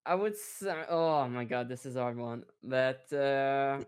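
A man's voice: medium pitch, unhurried, clean tone. A man co-hosting a casual podcast chat, laughing often and searching for his words as he talks. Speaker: podcast co-host.

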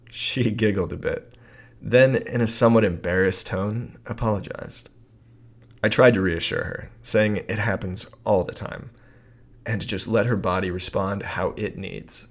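A man narrating a first-person erotic story in a calm, confiding, unhurried way. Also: fairly low pitch, creaky.

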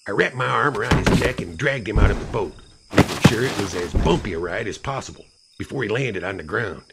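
A man reading a first-person story aloud as an audiobook narrator, with an expressive delivery. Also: lowish voice, brisk, vocal fry, heavy background noise.

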